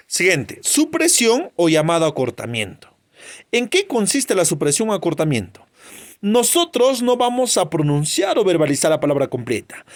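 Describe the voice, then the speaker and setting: Lively teacher, self-answering questions. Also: male voice, high voice. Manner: asks questions and answers them himself, spells letters out slowly. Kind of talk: classroom grammar lesson.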